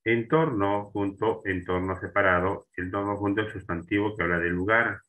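A man's voice: lowish voice, fairly even intonation, pushed and bright, rough recording. A man teaching a grammar lesson, repeating terms and checking in with his students as he goes. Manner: slow and repetitive, restarting words and asking for agreement.

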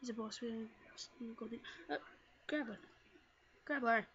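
Excitable high-voiced woman gaming. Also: normal speed. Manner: excitable, shouts commands at her team. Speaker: gaming channel host. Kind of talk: Let's Play commentary. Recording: dull lo-fi mic with faint noise.

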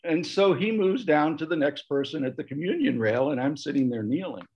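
A man's voice: on the high side, expressive, brisk, husky. A man on a discussion panel telling a personal story in a reflective way, shifting his voice when he quotes other people. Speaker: panel guest sharing memories. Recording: muffled lo-fi audio.

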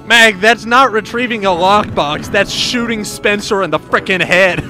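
High, bright, excitable young gamer guy. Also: soft background music. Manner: excitable, laughs often, quick banter. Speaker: gaming channel host. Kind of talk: casual gaming chat with friends.

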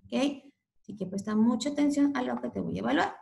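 A woman's voice: a little high, quick pace, gravelly, a little mellow. A woman teaching a class over a video call, switching between English and Spanish and saying "ok" again and again. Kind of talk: online class instruction. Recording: echoey room.

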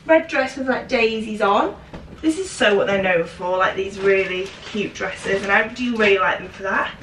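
Unpacking groceries and a parcel at home, this twenty-something British fashion vlogger chats casually and cheerfully despite being bunged up with a cold. Her medium-pitched voice moves at a moderate pace as she thinks out loud. Recorded on a far-off camera mic, the kitchen sounds echoey and noisy.

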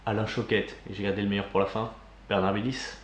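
A man co-hosting a casual magic news show, presenting items in a steady, informative way. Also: on the low side, quick pace, roomy sound, slight background noise. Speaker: co-host.

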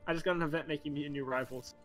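A man's voice: fairly high pitch, fairly even intonation, rapid-fire, soft background music. A man casually chatting with friends while playing a strategy game, narrating his own in-game events aloud. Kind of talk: casual gaming chat.

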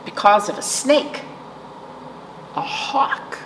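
A middle-aged children's librarian, seated in a small library room, hosts virtual storytime with rhymes and read-aloud for young children, explaining in simple terms and checking in with questions. Her fairly high voice is a bit bright, and she takes it slowly. The room is echoey and there's background noise.

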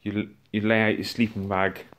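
Brief: a man, lowish voice, relaxed and chatty, reviewing gear on a handheld phone at home. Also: normal speed. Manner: chatty, relaxed, with frequent restarts. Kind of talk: casual product walkthrough. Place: indoors at home, on a rug.

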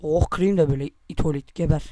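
A man's voice: fairly high pitch, quick pace, dark tone, no echo. A young man from Turkey giving angry, cursing gameplay commentary, taunting his opponents as he plays. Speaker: gamer.

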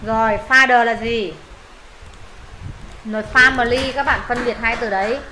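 A woman's voice: on the high side, steady tone, measured pace, pushed and bright, slight background noise, rough recording. A woman teaching English pronunciation in Vietnamese, modelling words, repeating them for students and thinking aloud when unsure.

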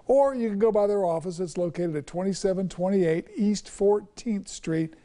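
A man's voice: high voice, normal speed, mellow. A middle-aged man presenting the news as an anchor in a TV studio.

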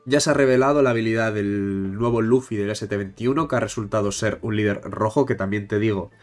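A man with a Spain accent, stuffed up with a bad cold, chatting casually as a YouTube host about card-game news and pausing for breath. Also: on the low side. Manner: pauses to catch breath. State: congested with a bad cold, blocked nose. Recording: music behind the voice. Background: music.

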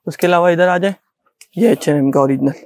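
A middle-aged man with a Pakistani Urdu accent, a shopkeeper giving a sales pitch in a small clothing shop, repeating himself insistently as he shows coats. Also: fairly quick, darkish tone. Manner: repetitive, insistent salesman patter.

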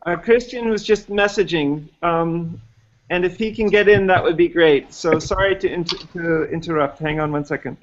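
A man's voice: a little high, moderate pace. A man running introductions for an online class, talking hesitantly with many fillers and restarts over a video call. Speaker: course instructor. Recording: dull lo-fi online call audio.

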